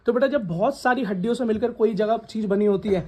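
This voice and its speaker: A woman teacher runs a classroom science lesson with a warm, mellow voice. She keeps asking the class questions and has them repeat key words back to her, and she scolds students who laugh. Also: on the high side, quick pace. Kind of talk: classroom lesson with call-and-response.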